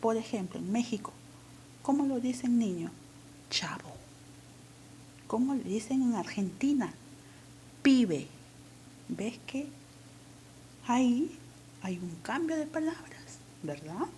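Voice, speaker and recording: A woman's voice: fairly high pitch, lively intonation, takes it slowly, long pauses, warm tone, a little hiss or hum. A woman teacher with a Peruvian accent, patiently explaining a language lesson step by step. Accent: Peruvian Spanish.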